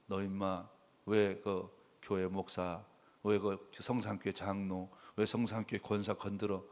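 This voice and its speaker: A man voicing God as a gruff male protector who bluntly threatens a bully in slangy, tough talk. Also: deep voice, flat delivery, measured pace, darkish tone, in a large hall, pitched below the performer's own voice. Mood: threatening.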